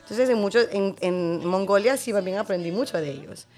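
Interview guest: woman, mid-pitched, lively, switches into English mid-sentence, faint music underneath. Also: brisk. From Honduras. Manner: mixes English words into Spanish; lively storyteller who acts out quotes. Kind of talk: casual interview chat.

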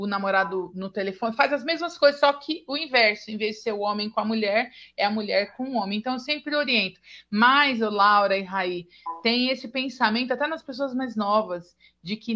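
Hosting a casual chat, a woman with a Brazilian Portuguese accent and a slightly high, somewhat bright voice tells animated stories. She acts out the dialogue she quotes, heard through dull lo-fi audio.

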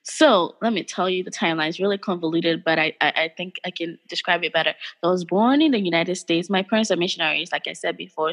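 Woman from Ghana, interview guest, thoughtful, earnest, lower voice, long reverb. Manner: thoughtful, earnest, with frequent fillers. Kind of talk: interview conversation.

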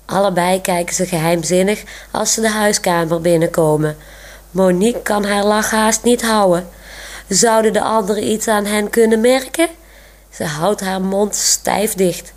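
Slow-reading woman author. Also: medium pitch. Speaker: author reading her book. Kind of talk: reading a children's book aloud.

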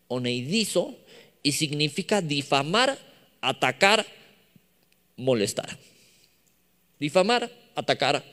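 A young man with a Mexican accent preaching a sermon to youth, animated and mixing playful slang with scripture. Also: on the high side. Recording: long echoing reverb of a hall.

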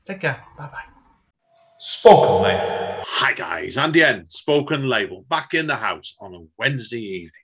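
Husky English podcast host. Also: male voice, medium pitch, sing-song, moderate pace, a bit bright. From England. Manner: rambling, many fillers and restarts. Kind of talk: casual podcast chat.

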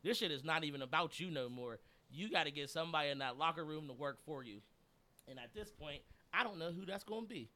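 A man co-hosting a casual radio podcast, talking football in an animated way, laughing often and swearing freely. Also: fairly high pitch, fast. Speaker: podcast co-host. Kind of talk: casual sports chat. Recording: radio show studio.

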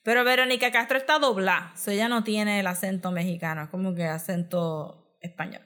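A woman's voice: mid-range voice, steady tone, a little fast, a bit bright. A woman recapping a film in casual chat, mixing in English words, with lots of fillers and laughs.

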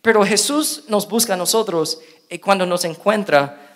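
A middle-aged man preaching a sermon in an animated way, acting out quoted voices with big jumps in pitch. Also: moderate pace. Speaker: pastor.

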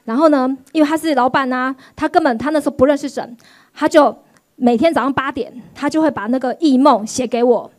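A woman pastor, giving a sermon testimony in an animated storytelling way. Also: sits high, a little fast. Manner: animated storytelling, acts out quoted voices.

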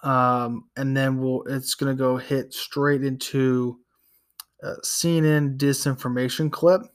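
Male podcast host, medium pitch, casual and rambling, feeling his way through sentences. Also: level tone, a little slow, clear, resonant tone. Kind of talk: casual talk, introducing clips.

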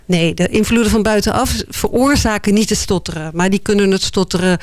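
A woman guest answers interview questions thoughtfully, pausing often as she searches for words. Her voice is middle in pitch. The recording is dry and close. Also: no room sound. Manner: thoughtful, hesitant, many "eh" and "ja" pauses. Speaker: board member of a foundation, interview guest.

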